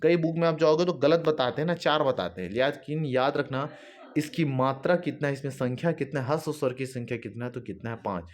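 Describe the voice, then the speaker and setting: A man from Chhattisgarh with a mid-range voice and a fairly quick pace teaches an exam-prep grammar lesson. He explains repetitively, poses questions and answers them himself, and checks in often with students, addressing them directly with fillers like "है ना".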